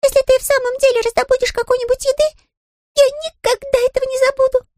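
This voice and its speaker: A woman voicing a tiny, eager male brownie who is cold and hungry, with squeaky, excited exclamations, as a storybook character. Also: fast talker, no room sound, studio quality. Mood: overjoyed.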